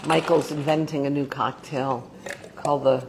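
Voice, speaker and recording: A woman's voice: low voice, fairly even intonation, normal speed, heavy background noise. An American woman co-hosting a casual cocktail show, laughing often and reading out viewer comments. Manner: giggly, reads viewer comments aloud. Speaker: co-host. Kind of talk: casual chat.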